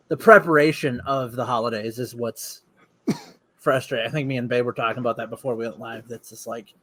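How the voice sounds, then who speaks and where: A man's voice: mid-range voice, fairly bright tone, no echo. A man co-hosting a podcast in casual chat, teasing and wry, laughing often. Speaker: podcast co-host.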